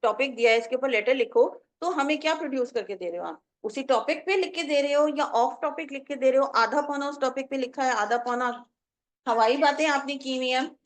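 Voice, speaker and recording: High-voiced woman lecturing a class. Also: fairly quick. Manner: explanatory, repeats points, code-switches often. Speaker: college English lecturer. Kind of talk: classroom lecture mixing Urdu and English. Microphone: lecture recording to class and online students.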